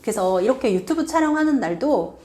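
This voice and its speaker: A woman's voice: sits high, fairly quick. Woman teacher talking to parents, voice jumps up and down a lot, acts out little bits of dialogue. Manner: lively, acts out parent and child lines. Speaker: middle school teacher and author. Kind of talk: advice talk to parents.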